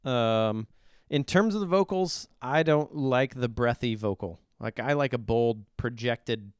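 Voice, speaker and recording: A man's voice: mid-range voice, a little slow, clear, resonant tone, no room sound, studio quality. A middle-aged man co-hosting a podcast, giving blunt, opinionated song reviews in casual chat. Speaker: podcast co-host reviewing songs.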